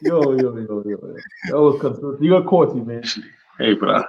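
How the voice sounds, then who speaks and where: A man's voice: mid-range voice, expressive, a little fast, creaky, darkish tone, a little hiss or hum. Laughing Durban-accented man telling stories. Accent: South African English, Durban. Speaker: co-host. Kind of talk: casual storytelling chat. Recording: muffled mic.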